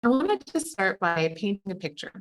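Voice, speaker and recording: A young adult woman teaching an online nutrition master class, warm and affirming, with casual filler words. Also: medium pitch, big pitch swings, normal speed. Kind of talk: live webinar teaching, reading chat comments.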